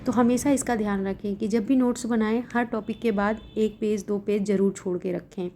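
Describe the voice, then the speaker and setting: A woman vlogging about exam preparation, giving motivational study advice in a casual way, speaking quietly on a home veranda at night so as not to wake her family. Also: medium pitch, fairly even intonation, normal speed, a little hiss or hum. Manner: speaks softly at night to avoid waking family. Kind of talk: casual study vlog narration. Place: open veranda at home at night, fan running.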